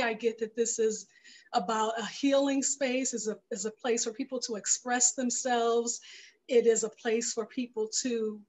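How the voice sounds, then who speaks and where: A middle-aged woman filmmaker, appearing as a guest in a video-call interview from a room in her home, tells her story in a casual way and often acts out what people said. Her voice is on the high side, and the headset recording is of low quality.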